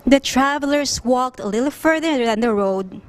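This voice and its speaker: A woman telling a children's story in a slow, animated, expressive way. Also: high-pitched.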